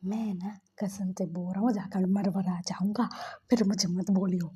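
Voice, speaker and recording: A woman's voice: mid-range voice, steady tone, warm tone, husky, pitched below the performer's own voice. A woman voicing a frightened young man who pleads and defends himself in a rush. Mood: pleading. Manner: pleading, rushed self-defense. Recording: dull lo-fi recording.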